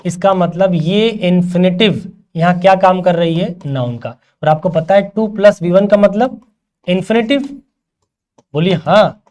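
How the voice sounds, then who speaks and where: High-voiced man teaching a grammar lesson. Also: a little slow, darkish tone. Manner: asks rhetorical questions and answers them himself; calls students "beta". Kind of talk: classroom grammar lecture.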